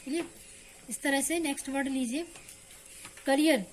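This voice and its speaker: A woman's voice: high voice, moderate pace, a little hiss or hum. A woman teaching English pronunciation in Hindi with an Indian accent, patiently checking that her students follow. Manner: patient, keeps asking "clear?" to check understanding. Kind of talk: online spoken-English lesson.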